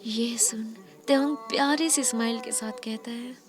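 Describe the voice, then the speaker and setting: A woman narrating a fan fiction story in a soft, hushed voice. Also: on the high side, fairly even intonation, moderate pace, music in the background.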